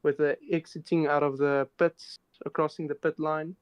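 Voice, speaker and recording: A man's voice: fairly high pitch, flat delivery, moderate pace, clear, resonant tone, no room sound. A man, a sim racing driver, recounting his race in a matter-of-fact way and often restarting words. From South Africa. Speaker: racing driver, interview guest. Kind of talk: post-race interview.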